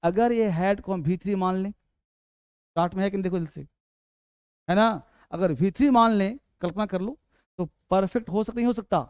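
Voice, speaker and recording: A man teaching English grammar, quizzing students and urging them to answer fast. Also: high voice, a little mellow, clean tone, dry recording, studio quality. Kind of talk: classroom lesson.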